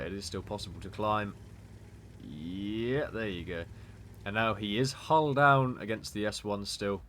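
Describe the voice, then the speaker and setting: A man giving excitable, stumbling commentary on a tank game replay. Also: medium pitch, slight background noise. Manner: excitable, laughing, stumbles over words.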